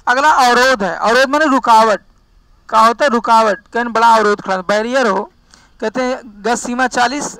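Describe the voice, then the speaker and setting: A man teaches grammar in a chatty, folksy way. His voice sits very high and sounds bright and forceful, and it is recorded close and dry with no room sound. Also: no room sound, poor audio. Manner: chatty, folksy, drifts into dialect asides. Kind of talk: classroom lesson.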